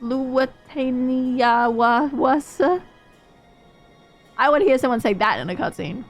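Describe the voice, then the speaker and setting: A woman's voice: a little high, sing-song, racing, creaky. A woman streamer chatting and joking while reading game dialogue aloud. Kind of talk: casual gameplay commentary. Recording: game music under voice.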